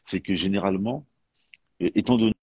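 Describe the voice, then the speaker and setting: A man's voice: sits low, fairly quick, darkish tone, breathy edge, no room sound. A man chatting on a live stream, telling stories with frequent restarts. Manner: storytelling, repetitive restarts. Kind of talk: casual chat.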